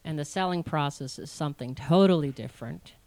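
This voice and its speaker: A woman's voice: low-pitched, fairly quick, darkish tone. A middle-aged woman artist telling her life story in a casual interview, chatty with many fillers and restarts. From born in Washington, D.C., raised in Connecticut and Virginia. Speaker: professional artist, interview guest.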